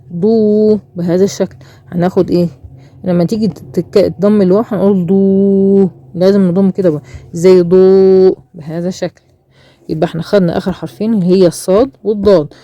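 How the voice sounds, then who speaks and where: Egyptian woman teacher, very dark mellow tone, dry close sound, quizzes and answers herself. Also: fairly low pitch, dry recording. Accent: Egyptian Arabic. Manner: repeats questions and answers them herself, drawn-out sounds. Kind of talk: children's reading lesson.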